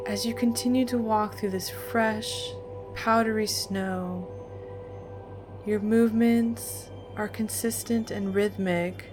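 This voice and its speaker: Slow, calm woman guiding meditation over music. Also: medium pitch. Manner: calm, soothing, deliberate with long pauses. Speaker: guided meditation narrator. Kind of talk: guided meditation, slow scripted narration.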